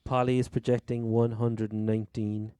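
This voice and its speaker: A man with a Cork accent talks through sport in a casual, conversational way as host. His voice is on the low side and smooth, with a soft, mellow tone. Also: little pitch movement, moderate pace, no room sound. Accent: Cork Irish. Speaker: fantasy football podcast host.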